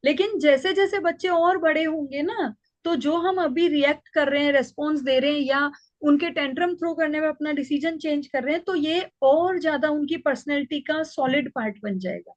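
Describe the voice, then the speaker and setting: A woman teaching an online parenting class in a calm, explaining way. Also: sits high, normal speed, dry recording. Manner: calm, explanatory, acts out child and mother lines. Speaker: parenting coach.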